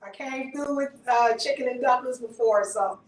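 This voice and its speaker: A woman's voice: a little high, normal speed. An earnest, heartfelt woman chatting casually as a guest in an interview. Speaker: guest, caterer. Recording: roomy, distant from the mic.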